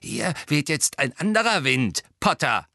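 A man's voice: fairly high pitch, big pitch swings, measured pace, pushed and bright, no room sound, studio quality, voice pushed up, full character voice. A man voicing a spiteful, gloating old male school caretaker in an audiobook. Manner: gloating, cackling, menacing.

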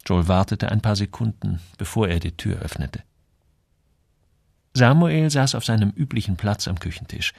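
A man reading a novel aloud in measured scripted narration. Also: lowish voice, vocal fry, darkish tone, no echo, studio quality. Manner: measured storytelling. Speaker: audiobook narrator.

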